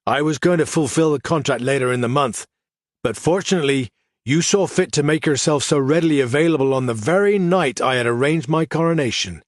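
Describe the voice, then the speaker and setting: A man's voice: a little high, a little fast, no room sound, studio quality, pitched above the performer's own voice, close to an everyday voice. A man voicing a mad, twitching one-eyed male assassin with a theatrical, mocking manner, in an audiobook. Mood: menacing.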